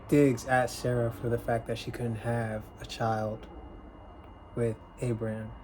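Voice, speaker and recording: A man casually retelling a Bible story as a sermon, in plain everyday speech and clearing his throat now and then. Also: medium pitch, level tone, measured pace, darkish tone, a little hiss or hum, rough recording. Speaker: preacher.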